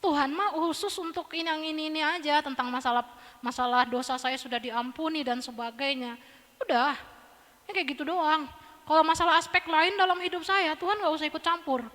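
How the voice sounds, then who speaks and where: A woman preacher giving a lively, humorous sermon in a church, acting out little scenes. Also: high-pitched, fairly quick. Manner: animated, humorous, acts out voices. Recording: church hall reverb.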